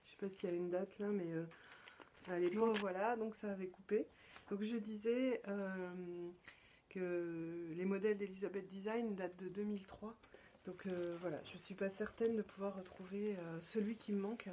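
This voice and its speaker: A woman from France hosting her own podcast, chatting casually and hesitantly, with many fillers and restarts and soft whispered asides. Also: mid-range voice, fairly even intonation, moderate pace, a little hiss or hum. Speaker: podcast host. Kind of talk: casual show-and-tell chat.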